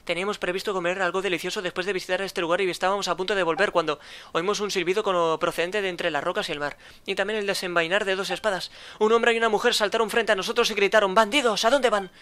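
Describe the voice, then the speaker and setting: A man with a Spain Spanish accent voicing a cocky, mocking male treasure thief in a game, with quick banter. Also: sits high, fairly even intonation, pushed and bright, clear, resonant tone. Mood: teasing.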